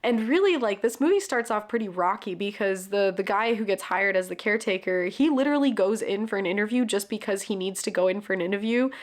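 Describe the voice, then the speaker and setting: A woman's voice: medium pitch, fast, hardly any pauses. A woman talking casually about favorite stories, chatty and loose, swearing now and then and acting out quotes. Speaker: book and film reviewer. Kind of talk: casual recommendation talk.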